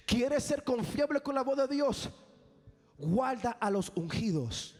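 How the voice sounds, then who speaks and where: A young man preaching an impassioned sermon, at times lifting into sung, shouted phrases. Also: extremely high pitch, expressive, slow. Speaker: evangelist preacher. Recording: long church hall reverb.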